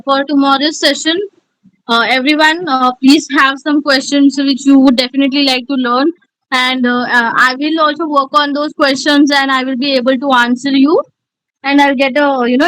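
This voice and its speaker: Indian woman trainer, high voice, dry close sound, encouraging, many fillers. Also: steady tone, normal speed, fairly bright tone, no echo, rough recording. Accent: Indian English. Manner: encouraging, filler-heavy with many "you know". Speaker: communication skills trainer. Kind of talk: online class feedback.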